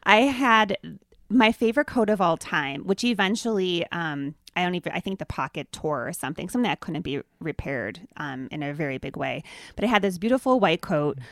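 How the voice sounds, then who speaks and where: A woman's voice: lowish voice, lively intonation, brisk, fairly bright tone, no room sound, studio quality. A middle-aged woman co-hosting a casual chat, telling stories in a chatty way and laughing often. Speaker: podcast co-host.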